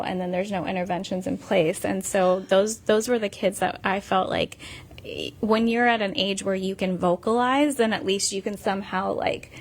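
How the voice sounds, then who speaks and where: A woman who once worked in child welfare, speaking as a guest in a casual panel chat and explaining earnestly with many fillers. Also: mid-range voice.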